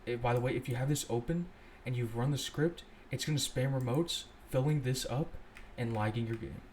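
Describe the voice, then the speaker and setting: Young man, coding tutorial host, casual, self-correcting, ordinary pitch, faint typing and background noise. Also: a little fast. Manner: relaxed, thinks aloud, self-correcting. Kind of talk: casual screen-recorded coding walkthrough.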